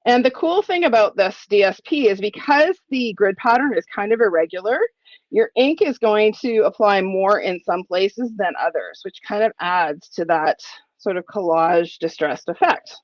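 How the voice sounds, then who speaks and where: A crafting demonstrator in her forties gives a chatty live tutorial from her home craft room, thinking aloud as she works and sounding a little sniffly. Her medium-pitched voice is animated at a moderate pace, and the lo-fi recording has no echo.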